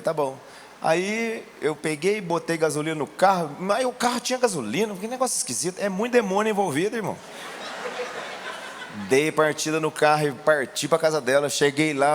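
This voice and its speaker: A Brazilian man preaching a sermon, telling a testimony in a colloquial way and rising to shouts. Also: a little high, a little hiss or hum. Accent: Brazilian Portuguese. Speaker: pastor.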